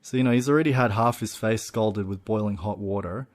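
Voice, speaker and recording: Lower-voiced man recapping a film. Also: brisk. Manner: chatty, recaps at length with fillers like "you know" and "look". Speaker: podcast co-host. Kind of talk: casual film discussion.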